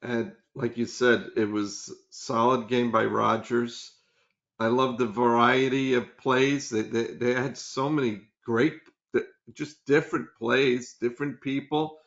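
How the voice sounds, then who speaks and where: A man's voice: mid-range voice, level tone, unhurried, fairly bright tone. Eager sports-talk man, dull audio. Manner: enthusiastic, stumbling repeats. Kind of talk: casual sports chat.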